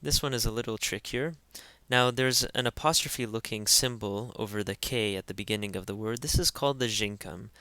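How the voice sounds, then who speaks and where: Guy doing a pronunciation lesson voiceover, low-ish bright voice, says each word twice real slow and careful. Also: dry recording. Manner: slow, careful spelling-out of sounds with repeated words. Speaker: language teacher. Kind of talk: instructional voice-over.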